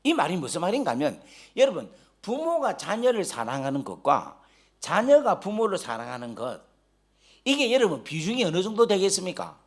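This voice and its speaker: A man preaching a sermon, telling stories animatedly, joking with the congregation and rising to shouts when stirred. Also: sits high, very animated, moderate pace, breathy edge. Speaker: guest pastor. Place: church sanctuary during a live service.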